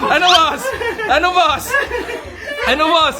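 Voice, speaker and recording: Yelling man, high voice. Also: unhurried. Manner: yelling, teasing. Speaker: friend in prank vlog. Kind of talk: casual prank vlog banter. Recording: loud music, crowd noise.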